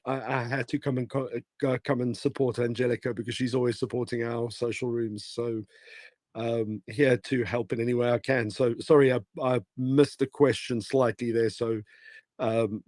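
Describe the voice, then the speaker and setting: A man whose voice is going hoarse talks through his advice in a loose, rambling way, full of "um"s and restarts. His tone is dark and mellow. The sound is dry and close, as in a live online audio room. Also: medium pitch, level tone, moderate pace, no echo. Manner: rambling, many fillers and restarts. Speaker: guest speaker.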